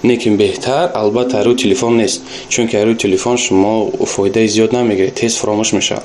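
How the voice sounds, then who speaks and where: A man's voice: lowish voice, flat delivery, darkish tone, slight background noise. A man teaching a recorded Arabic language lesson, patiently repeating each example word and explaining it.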